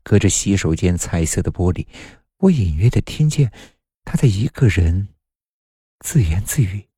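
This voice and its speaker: A male narrator tells a horror tale in a low, husky, dark voice with a lively, swooping delivery. He sounds dry and close to the mic, with faint music running underneath. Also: normal speed, dry recording. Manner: dramatic, suspenseful storytelling.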